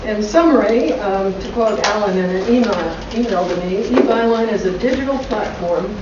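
A middle-aged woman, a school director hosting a forum, introduces guests with chatty asides. Her medium-pitched voice moves at a moderate pace. A far-off room camera mic picks her up across a conference room, so the audio is echoey, dull, lo-fi and noisy.

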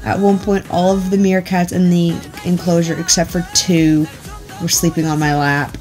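A woman's voice: on the low side, level tone, normal speed, a little mellow, soft background music. A young woman chatting casually in a travel vlog, upbeat and giggly. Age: young adult. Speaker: vlogger.

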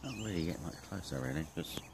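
A middle-aged man filming his own fishing trip, chatting casually and thinking aloud with pauses from behind a handheld camera by a lake. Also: a bass voice, sing-song, creaky, background noise. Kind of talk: casual self-filmed commentary. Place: outdoors by a lake. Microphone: handheld camera from behind the lens. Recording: outdoor ambience with nature sounds.

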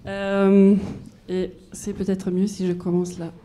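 German-accented woman in her forties presenting research at a lecture hall mic; mellow, relaxed timbre, mid pitch. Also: takes it slowly, slight background noise. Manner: moves about while speaking, explains with everyday examples. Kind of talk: conference talk to an audience. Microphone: handheld microphone.

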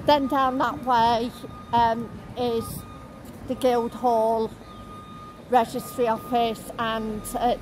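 Outdoors on city streets, a travel vlogger in her thirties talks as she walks, phone camera at arm's length, pointing things out between frequent ums and uhs. She speaks slowly in a slightly high voice with little pitch movement. Traffic and street ambience are plainly heard behind her.

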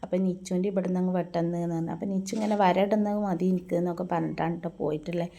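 Fast-talking woman with a Malabar Malayalam accent. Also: fairly low pitch, steady tone, gravelly. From Malappuram, Kerala. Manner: chatty, warm tag words at line ends. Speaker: family vlogger, mother. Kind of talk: casual voice-over narration. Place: indoor room, recorded apart from the filmed scenes. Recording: noisy home recording, kids in background.

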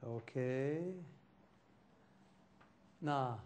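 Guy teaching a bible class, slow and rambly, lots of "ok"s, faint room hum behind. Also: mid-range voice, a little mellow. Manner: loose, repetitive, mixing in English fillers.

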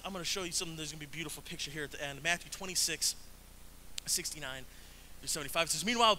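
A male pastor preaching a sermon in a lively, conversational way, with casual slang and acted-out quoted voices. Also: slight background noise, rough recording. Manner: acts out quoted voices with big pitch jumps.

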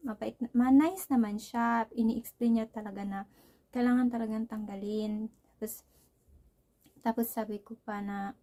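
A woman's voice: on the high side, steady tone, normal speed, long pauses, mellow. A young woman from the Philippines, telling a casual, rambling personal story and laughing often. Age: young adult. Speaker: vlogger.

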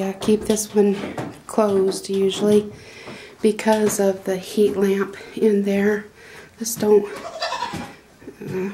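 In a mellow, mid-range voice, a middle-aged woman narrates a homespun, rambling tour of her little wooden goat barn, using lots of fillers and restarting often. It's captured on a handheld phone camera, with a little hiss or hum.

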